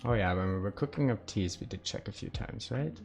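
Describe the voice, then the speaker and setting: Low-voiced man streaming a survival game. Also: a little fast, vocal fry, a little mellow, soft background music. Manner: casual, thinking aloud, chatting with viewers. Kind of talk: live game commentary.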